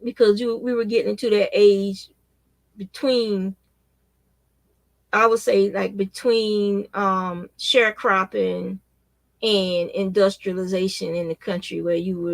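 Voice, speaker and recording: A woman's voice: medium pitch, level tone, a little slow, gravelly, no echo. A woman in her fifties, chatting casually and reminiscing at a rambling pace with frequent restarts. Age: 50s. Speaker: crochet vlogger. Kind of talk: casual reminiscing while crocheting.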